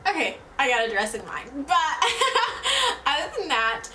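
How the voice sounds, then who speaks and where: A woman's voice: high voice, big pitch swings, a little slow, pushed and bright, a little hiss or hum, low-quality recording. A young woman chatting casually through a get-ready-with-me beauty vlog, loose and talky with slang and fillers. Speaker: beauty vlogger.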